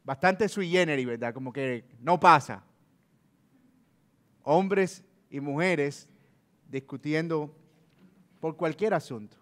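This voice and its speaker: A man's voice: on the high side, takes it slowly, pauses often. A male preacher giving a sermon, telling a story and speaking straight to his listeners. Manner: storytelling, addresses listeners directly. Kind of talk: sermon with acted dramatization.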